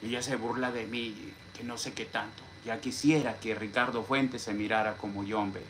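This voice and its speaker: A man's voice: on the low side, fairly even intonation, moderate pace, a bit bright, slight background noise. A man from Mexico with a Mexican accent, ranting boastfully on his live-stream vlog. He tosses in "hombre" constantly and greets viewers from the chat as he talks. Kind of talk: casual live-stream rant.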